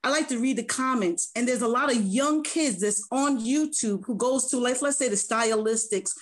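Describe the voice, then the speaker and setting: A slightly hoarse woman talks in a casual interview, earnest and rambling, often restarting her sentences. Her voice sits a little high for a woman. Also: moderate pace. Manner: rambling, self-correcting, earnest. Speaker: music producer and manager.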